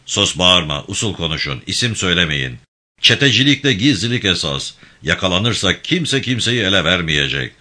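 A man voicing a stern, commanding male militia band leader who gives hushed orders. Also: low voice, big pitch swings, moderate pace, exaggerated voice.

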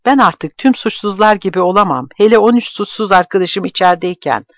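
A man's voice: sits high, fairly quick, a bit bright, dry recording, studio quality, voice pushed up. A man voicing a worn-out, stubborn man with a trembling voice, bitter and resolute. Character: gaunt weary man, stubborn ex-prisoner.

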